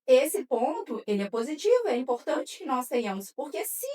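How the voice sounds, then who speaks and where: Brazilian woman psychologist, higher voice, distant mic. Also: sing-song, normal speed, warm tone. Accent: Brazilian Portuguese. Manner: patient, explains with everyday examples and many fillers. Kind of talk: explanatory podcast talk.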